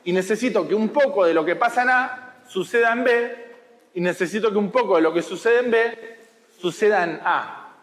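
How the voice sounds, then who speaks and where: A man's voice: sits high, normal speed, fairly bright tone, in a large hall. A man with a Rioplatense Spanish accent giving a watercolor masterclass to students, explaining patiently and teasing them now and then. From Argentina. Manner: explanatory, teasing, checks understanding. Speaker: watercolor teacher. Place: school hall.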